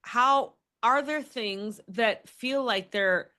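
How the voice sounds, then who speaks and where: A young adult woman chatting casually on a podcast, lively and expressive, often acting out what she says to others and restarting her sentences. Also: a little high, slow pace. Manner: animated, acts out quoted speech, frequent restarts. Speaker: podcast guest.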